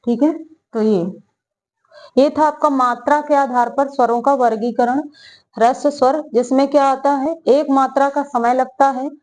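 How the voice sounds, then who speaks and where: A woman gives a slow, careful grammar lesson in a fairly high voice. She repeats her phrases, asks questions and answers them herself, and stretches out vowel sounds whenever she demonstrates them. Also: fairly even intonation, darkish tone, low-quality recording. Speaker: Hindi teacher. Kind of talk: exam-prep grammar lesson.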